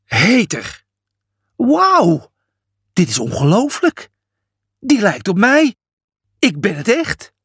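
A man doing a high panicky young pig. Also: big pitch swings, normal speed, slightly rough, dry recording, clean studio sound, heavily acted. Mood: amazed. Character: panicky young male pig, whiny and cheeky.

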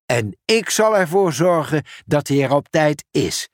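A cheerful, dutiful postman, as a male storyteller puts him on, eager and friendly, with a lively, bouncing voice. He talks slowly, in a dry, close recording. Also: fairly high pitch, dry recording.

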